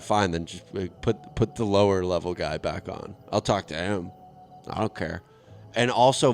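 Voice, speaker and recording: A man hosting a comedy podcast from home, riffing in a rambling, profane monologue. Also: on the low side. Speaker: podcast host.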